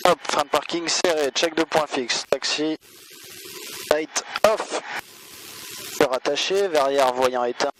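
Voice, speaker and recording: Un homme pilote qui énonce ses vérifications et messages radio par phrases brèves, au micro de son casque. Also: male voice, fairly high pitch, slow pace, pauses often, fairly bright tone, poor audio. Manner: clipped checklist phrases, talking through each action. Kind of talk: calling out cockpit checks and radio calls. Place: inside a small aircraft cockpit. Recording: engine noise, over a pilot headset.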